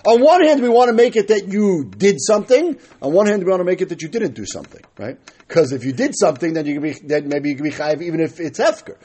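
This Talmud teacher talks fast, with an animated voice that sits high and sounds mellow and husky. He reads phrases, explains them, and argues by raising his own questions and resolving them.

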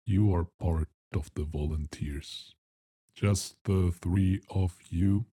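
Guy doing a huge stone guardian, super deep flat monotone, crawling slow, dark husky dry voice. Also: dry recording, full character voice. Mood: flat, stern. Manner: slow and deliberate. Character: towering stone guardian, stern and emotionless.

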